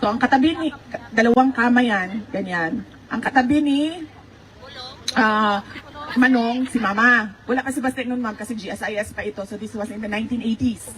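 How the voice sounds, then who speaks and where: A woman's voice: a little high, moderate pace, a bit bright, poor audio. A middle-aged woman with a Filipino accent, telling family stories in a conversational way, switching between Tagalog and English and laughing often. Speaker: speaker recounting family stories. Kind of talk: conversational storytelling.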